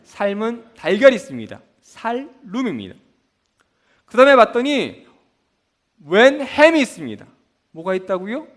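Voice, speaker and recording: A man's voice: high-pitched, big pitch swings, normal speed, long pauses. A man teaching a Bible school lesson with memory tricks, often asking the class a question and then answering it himself. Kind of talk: mnemonic lesson with call-and-response questions.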